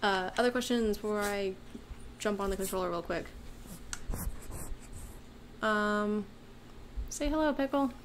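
A woman's voice: medium pitch, fairly even intonation, measured pace, long pauses, a little hiss or hum. A woman hosting a casual livestream, rambling through viewer questions with many fillers, her voice getting worn. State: losing her voice. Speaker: livestream host and maker.

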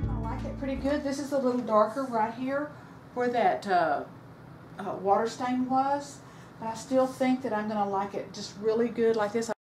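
A woman's voice: a little high, normal speed, over music. A woman narrating a home furniture refinishing project in a casual, rambling way, with fillers and self-corrections, recorded on a camera mic in her sewing room. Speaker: DIY furniture vlogger. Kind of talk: casual how-to narration while working.

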